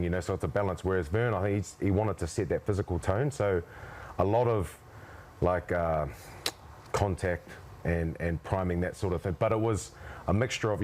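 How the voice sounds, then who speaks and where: A man in his thirties with a fairly low voice, telling a story in an easygoing, rambling way. A quiet hum of background noise sits under the conversation. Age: 30s. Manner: laid-back, rambling with many fillers. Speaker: rugby player guest. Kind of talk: casual chat.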